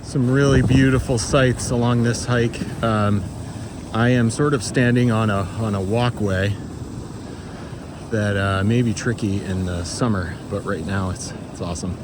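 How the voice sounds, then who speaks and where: Low-voiced man vlogging on a noisy winter trail. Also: steady tone, unhurried. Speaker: hiking vlogger. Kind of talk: casual outdoor gear review and trail narration. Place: outdoors on a snowy mountain trail. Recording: noisy outdoor ambience around the voice.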